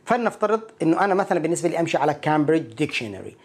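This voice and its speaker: A man teaching an English pronunciation lesson, explaining each point and repeating words slowly to model them. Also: on the high side, very animated, breathy edge.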